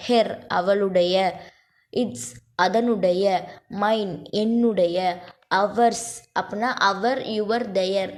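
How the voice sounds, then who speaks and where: A woman teaching a grammar lesson over slides. She explains step by step, checks in with "okay?" and slows down to dictate word lists. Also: mid-range voice, a little mellow. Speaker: English teacher.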